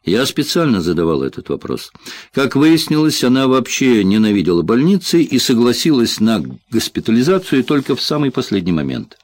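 A man's voice: medium pitch, big pitch swings, a little fast, no echo. A man voicing a female hospital official in an audiobook thriller, answering in a matter-of-fact tone.

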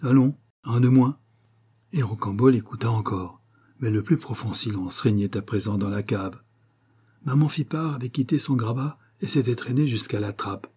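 A male audiobook reader narrates in a measured, even storytelling manner. His voice is dark and mellow, with a husky edge. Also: fairly low pitch. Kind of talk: scripted narration.

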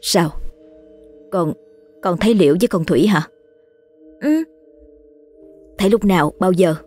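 Woman playing a protective mother, anxious questioning, lowish voice. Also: unhurried, darkish tone, faint music behind.

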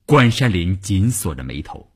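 A man reading a novel aloud for radio, highly expressive, sinking to whispers and swelling again. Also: moderate pace, breathy edge.

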